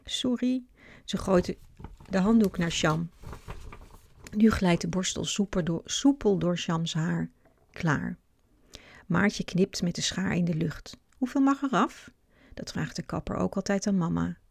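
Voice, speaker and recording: A woman reading a children's book aloud with clear, expressive narration. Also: lowish voice, unhurried, no room sound. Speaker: storyteller.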